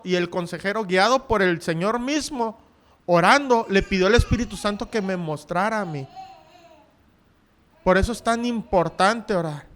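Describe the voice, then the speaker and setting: A male pastor preaching a sermon, telling a personal story and acting out the voices of the people in it. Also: high-pitched. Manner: storytelling, acting out quoted voices, rising to shouts.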